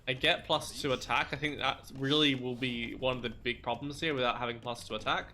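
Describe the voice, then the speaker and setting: Bright-voiced man casting a strategy game. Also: mid-range voice, fairly even intonation, brisk, a little hiss or hum. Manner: analytical, laughs often, some restarts. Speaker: esports caster. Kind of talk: live game commentary.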